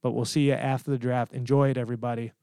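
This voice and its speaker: A man's voice: medium pitch, flat delivery, fast, dark tone, clean tone, no room sound, clean studio sound. A man hosting a casual sports podcast, talking emphatically and repeating points for stress. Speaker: podcast host. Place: home, at a table.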